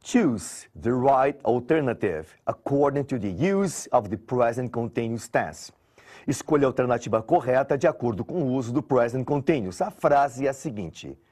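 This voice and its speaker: Brazilian man, exam-prep grammar teacher, animated pitch, slightly husky, talks to students directly. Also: moderate pace. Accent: Brazilian Portuguese. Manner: lively, explains step by step and addresses students directly.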